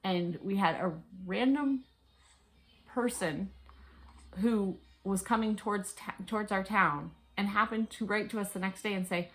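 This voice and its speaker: A woman's voice: mid-range voice, measured pace, rough recording. A woman co-hosting a family channel, chatting earnestly at home with plenty of casual fillers. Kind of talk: casual chat.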